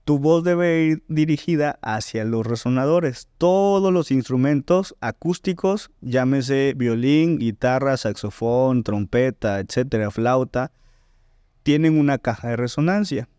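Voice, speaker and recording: Here a man's mid-range voice comes across dark, clear, and resonant at a measured pace, with no room sound. He is a singer and voice teacher explaining technique on a podcast interview, teaching as he goes and frequently asking "¿no?" and "¿sí?".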